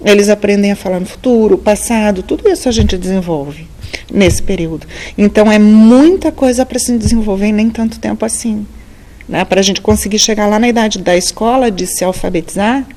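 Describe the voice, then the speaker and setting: Brazilian woman, speech therapist guest, calm teacherly interview answers, warm mellow tone. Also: medium pitch. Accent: Brazilian Portuguese. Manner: calm, didactic, measured with fillers.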